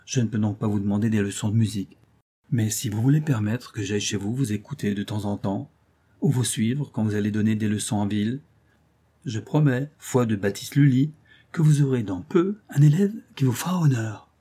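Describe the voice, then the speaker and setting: A man's voice: fairly low pitch, fairly quick, warm tone, husky. A man voicing a bold, cheeky poor kitchen boy in a storybook reading. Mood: eager. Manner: eager, cheeky.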